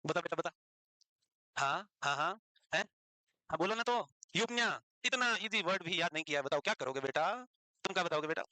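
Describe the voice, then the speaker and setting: A man's voice: a little high, brisk, pushed and bright, no echo, poor audio. A male teacher, lecturing a class and teasing and scolding students as he quizzes them.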